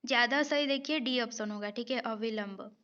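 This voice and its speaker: A woman's voice: fairly high pitch, moderate pace, fairly bright tone, dull audio. A woman teaching a Hindi spelling exam-prep lesson, going methodically through multiple-choice questions, repeating each word and checking with her students.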